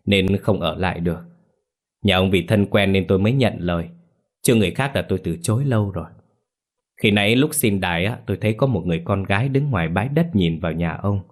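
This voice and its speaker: A man voicing a stern elderly male village ritual master who speaks in a measured, cautionary way. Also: sits low.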